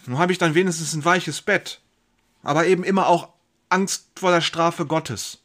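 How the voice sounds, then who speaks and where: A man's voice: fairly high pitch, steady tone, moderate pace, a bit bright, lightly acted. A man playing a pious, anxious young carpenter, telling his story in first person with emotional swings between brooding and outbursts. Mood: worried.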